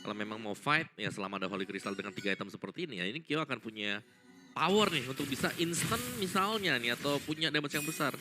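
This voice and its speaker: Fast-talking Indonesian male esports analyst. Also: mid-range voice, lively intonation, music in the background. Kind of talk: analytical game commentary.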